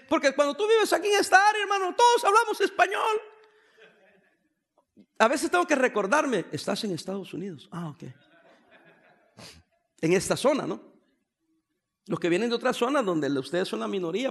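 A pastor in his fifties preaches a sermon from the pulpit in a high voice, animated and joking, sprinkling English phrases through his talk. He speaks at a moderate pace with vocal fry and frequent pauses.

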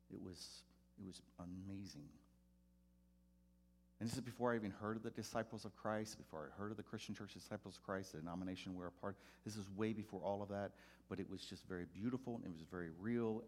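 Deep-voiced pastor telling a story. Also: male voice. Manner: animated, acts out voices loudly in quotes. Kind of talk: sermon storytelling.

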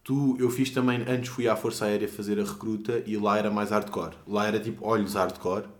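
Fast-talking slangy Portuguese pilot. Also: male voice, lowish voice, little pitch movement. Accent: European Portuguese. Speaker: airline pilot. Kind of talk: casual podcast chat. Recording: roomy echo.

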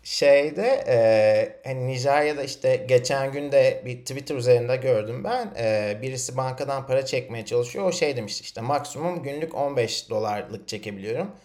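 Man, interviewer, casual conversation, informal, encouraging, medium pitch. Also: moderate pace, few pauses, darkish tone.

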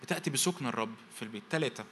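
A man's voice: medium pitch, lively intonation, very fast, fairly bright tone, a little hiss or hum. A man preaching a sermon as pastor, with an Egyptian accent. He stacks phrases in repeated lists and prompts his congregation with rhetorical questions to finish each verse. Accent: Egyptian Arabic.

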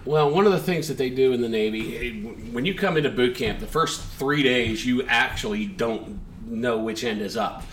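A middle-aged male podcast guest talks in a casual, conversational way at a medium pitch. The room echoes around him and there is faint noise. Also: normal speed, few pauses, fairly bright tone. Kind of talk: casual chat. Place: kitchen. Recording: roomy, faintly noisy.

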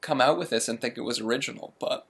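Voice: medium pitch, fast talker, gravelly, slightly rough. A podcast co-host bantering casually, wry and opinionated.

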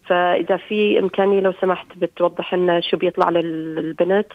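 A woman's voice: on the low side, flat delivery, fast, no room sound. A woman calls in over the phone to ask a religious question, hesitant and full of fillers and restarts. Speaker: caller. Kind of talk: call-in question to a religious show. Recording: dry, phone-like line.

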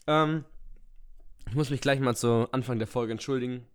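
A man's voice: medium pitch, moderate pace, clear, resonant tone. Congested man bantering on a podcast. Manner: joking, mock-serious. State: congested with a head cold, snotty runny nose. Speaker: podcast co-host. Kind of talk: casual comedic podcast banter.

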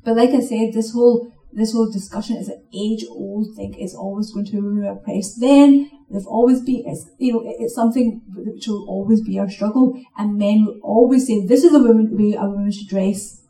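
A woman's voice: medium pitch, fairly even intonation, brisk, few pauses, mellow. A woman on a panel speaking earnestly, building to rallying calls. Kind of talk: panel talk. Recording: distant voice in an echoey hall.

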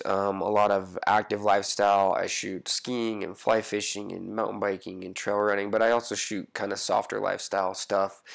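A man's voice: fairly low pitch, vocal fry. A man in his thirties with a stuffy head cold, a photographer being interviewed at home, telling his story in a thoughtful, reflective way. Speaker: photographer guest. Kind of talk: casual interview conversation.

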